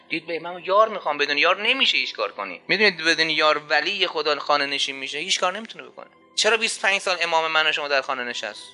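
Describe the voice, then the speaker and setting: A man's voice: on the high side, pushed and bright. A man preaching a religious sermon in an emphatic style, repeating key phrases and asking rhetorical questions.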